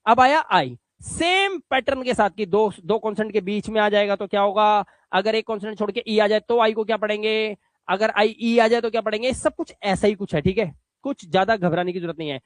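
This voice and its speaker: A man's voice: sits high, brisk, no room sound. A man teaching English phonics in a spoken lesson, patiently repeating rules and stretching out example words, often checking that the learners follow. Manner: coaxing, checks understanding often.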